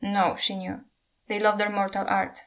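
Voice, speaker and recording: A woman reads a novel aloud in a measured way and adds her own wry comments between passages. Her voice sits at an ordinary middle pitch. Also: monotone. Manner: measured narration, wry asides. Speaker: book reader and commentator.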